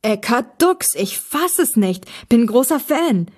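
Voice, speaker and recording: A woman voicing an excited young podcaster in a read-aloud story, speaking eagerly with a raised voice. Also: medium pitch, a little slow, breathy edge.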